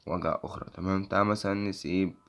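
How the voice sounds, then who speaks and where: A young man with an Egyptian accent and a worn, hoarse voice walks through an app on screen, quickly asking "okay?" after nearly every phrase. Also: low-pitched, fairly even intonation, a bit bright, slight background noise. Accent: Egyptian Arabic. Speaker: tech channel host. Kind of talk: casual screen-recording walkthrough.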